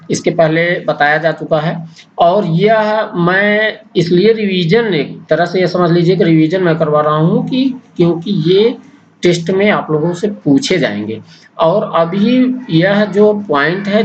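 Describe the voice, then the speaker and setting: A male teacher talks through an exam-prep lecture at an unhurried, deliberate pace. He lists each point separately with pauses between the items. The recording is dull and muffled. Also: a little high, slight background noise. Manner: slow, deliberate, pausing between list items.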